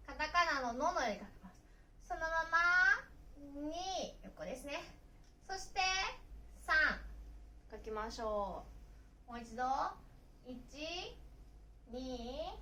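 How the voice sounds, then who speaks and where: Slow, bright-voiced woman teaching kanji. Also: high-pitched. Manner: slow, careful counting of stroke orders. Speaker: Japanese language teacher. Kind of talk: kanji writing lesson.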